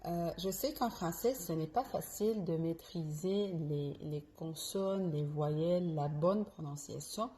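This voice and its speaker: Slow, careful woman teaching pronunciation. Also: low voice, warm tone. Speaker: French teacher. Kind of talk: pronunciation lesson.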